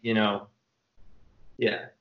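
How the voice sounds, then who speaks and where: A man's voice: fairly low pitch, level tone, very slow, echoey room, highs cut off. A man being interviewed about his film, rambling through his answers with lots of restarts and fillers. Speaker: filmmaker guest. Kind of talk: casual interview storytelling.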